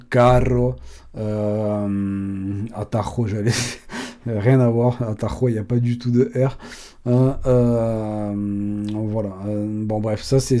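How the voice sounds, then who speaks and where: Casting: man, mellow low-bright voice, casual rambling language teacher full of fillers. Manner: rambling, many fillers and restarts. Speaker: Spanish teacher. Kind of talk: casual online language lesson.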